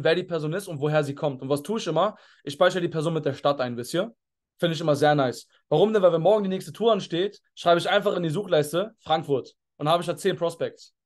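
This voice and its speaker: A man coaching a group on a video call, energetic and pushy, peppering his talk with slang and English words. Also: on the high side, brisk. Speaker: network marketing mentor.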